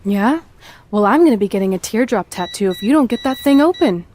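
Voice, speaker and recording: A woman with a mid-range, slightly mellow voice delivers brisk, lively lines in a lightly acted video game cutscene. She plays a driven, serious young aspiring wrestler, earnest, determined, and no-nonsense, with faint background noise in the recording.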